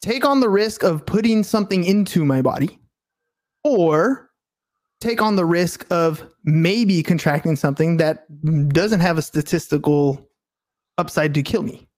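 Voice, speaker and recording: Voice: medium pitch, measured pace, a little mellow. A speaker in a casual debate who talks hesitantly, asking questions and often restarting sentences. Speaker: conversation partner.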